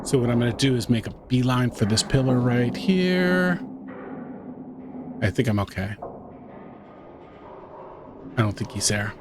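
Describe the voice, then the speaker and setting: A man's voice: medium pitch, measured pace, long pauses, noisy background. A man giving tense running commentary while he plays a horror game, talking under his breath to himself and the viewer. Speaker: gaming YouTuber. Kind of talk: let's-play commentary.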